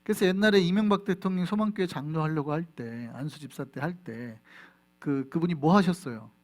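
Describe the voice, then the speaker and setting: A man preaching a Sunday sermon as pastor, lively, asking the congregation questions and answering them himself. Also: fairly high pitch, fairly quick. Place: church sanctuary.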